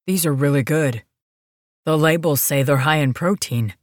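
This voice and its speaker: A woman's voice: low voice, moderate pace, no room sound, studio quality, close to an everyday voice. A woman voicing a shy, underfed young male werewolf who speaks meekly and hesitantly. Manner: meek and hesitant.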